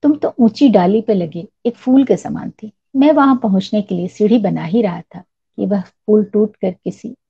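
A woman voicing a shy, teasing, heartfelt young man in a storybook reading, in a soft, earnest manner. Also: mid-range voice, moderate pace, vocal fry, slightly rough. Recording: dull lo-fi recording.

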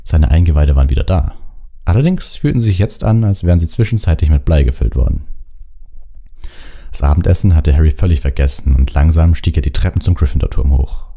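A man reading a storybook audiobook aloud, expressive, with occasional slips and restarts. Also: very deep voice, brisk. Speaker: audiobook reader.

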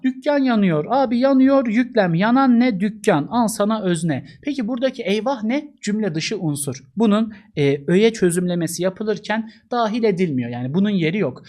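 Guy teacher, chummy big-brother vibe, voice jumps all over, acts out the examples. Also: high-pitched. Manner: animated, acts out example sentences. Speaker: Turkish grammar teacher. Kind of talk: casual exam-prep lesson.

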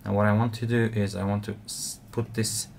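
Low-voiced man explaining fly tying. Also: a little fast, vocal fry, a little hiss or hum. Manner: relaxed, explanatory, frequent uh fillers. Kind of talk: step-by-step tutorial narration.

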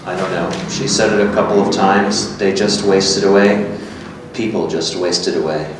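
A man with a low voice reads at normal speed in a level tone, performing a matter-of-fact, musing character in a staged reading of a literary two-person script. He's captured on a stand microphone from a distance in an echoey gallery room with hard walls, with faint background noise.

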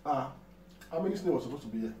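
A man's voice: medium pitch, animated, very fast, mellow. Nigerian guy teasing while eating on a mukbang, roomy n distant mic. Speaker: co-host of an eating show. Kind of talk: casual mukbang eating chat. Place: kitchen or dining room indoors.

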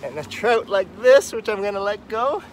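A fishing vlogger in his thirties, his voice fairly high for a man, walks along a wooded creek teaching a fishing technique to a phone or camera held at arm's length. He's upbeat and explanatory, with lively intonation and a normal speed. Faint stream noise runs in the background of this outdoor tutorial vlog.

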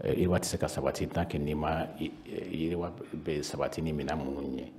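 Speaking Bambara mixed with French, this regional council official in his fifties, with a Malian accent, hesitantly explains his points as a panel guest, repeating words often. He has a bass voice, a little fast and a little mellow, with fairly even intonation and slight background noise. The setting is an indoor panel room, and he holds a foam-covered handheld mic.

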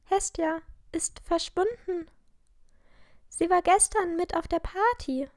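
A woman's voice: extremely high pitch, slow pace, darkish tone, dry recording, clean studio sound, pitched above the performer's own voice. A woman voicing a bold teenage head girl who talks urgently and gives orders. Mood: worried. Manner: urgent, commanding.

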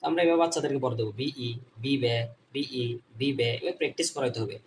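Racing along at medium pitch, this phonics teacher speaks with a Bangladeshi Bengali accent in an online lesson. He restates each point and fields his own questions, heard a bit off mic from a distance over faint background noise.

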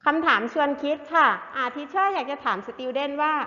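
A woman teacher giving a slow lesson to young children, spelling words out syllable by syllable and mixing in English words. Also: sits high, bright, forceful tone. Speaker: primary school teacher. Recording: dull lo-fi sound with long reverb.

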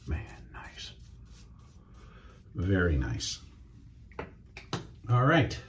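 A man's voice: deep voice, huge pitch swings, drawn-out words, fairly bright tone, slight background noise. A middle-aged man chatting casually to viewers while shaving at home. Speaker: wet shaving YouTuber. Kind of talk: casual shaving demo chat. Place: home shave room, indoors.

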